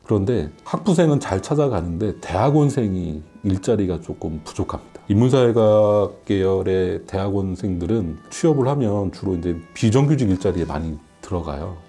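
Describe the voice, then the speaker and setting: A man's voice: low-pitched, lively intonation, normal speed, few pauses, dark tone, faint music behind. A man in his late forties, a professor chatting candidly and conversationally as a guest answering questions on a casual radio show. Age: late 40s.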